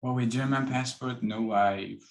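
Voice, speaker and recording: A man, speaking as an interview guest in halting, phrasing with frequent restarts. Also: medium pitch, vocal fry. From Iran. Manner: halting, with restarts and non-native grammar. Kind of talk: casual interview talk.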